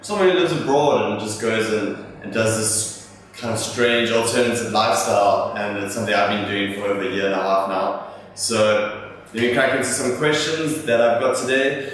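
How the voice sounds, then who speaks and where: A young man hosting a vlog talks casually to the camera, answering viewer questions and rambling a bit with fillers and restarts. His voice is lowish and fairly bright at a normal speed, captured from far off in an echoey room with faint noise.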